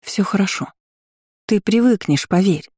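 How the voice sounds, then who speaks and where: A woman's voice: lowish voice, steady tone, normal speed, no room sound, clean studio sound, lightly acted. A woman voicing a kind, soothing queen mother in an audiobook. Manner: gentle, soothing.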